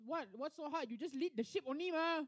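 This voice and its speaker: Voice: high-pitched, lively intonation, fast, no echo, clean studio sound. A host with a Malaysian English accent, moderating a playful mock debate in casual comedic podcast banter and often stumbling over words.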